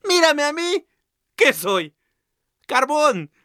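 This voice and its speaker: A man voicing a loud, proud lump of coal in a storybook, exclaiming and asking rhetorical questions. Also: very high voice, very animated, extremely slow, no echo, studio quality, pitched above the performer's own voice, exaggerated voice. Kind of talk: storybook narration.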